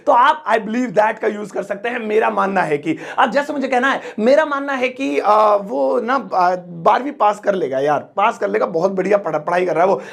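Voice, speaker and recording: A man teaching in a lesson, repeating each phrase slowly and switching to quick, playful everyday examples. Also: very high-pitched, gravelly, a bit bright. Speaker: English teacher. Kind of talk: spoken language lesson.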